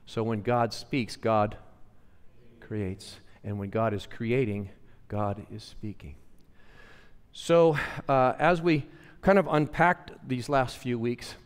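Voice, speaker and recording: A man's voice: mid-range voice, slow pace, clean tone. Man preaching in a reverberant church. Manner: teaching, repeats phrases for emphasis, asks the congregation to respond; swings between hushed lines and louder emphatic ones. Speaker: pastor. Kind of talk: sermon. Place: church sanctuary. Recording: long reverb of a church hall.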